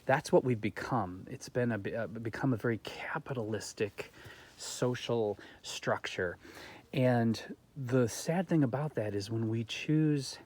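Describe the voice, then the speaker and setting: A man with a mellow, mid-range voice talks to the camera for his own gardening channel, standing outside in his home garden. His reflective talk is earnest, and he muses aloud through rhetorical questions.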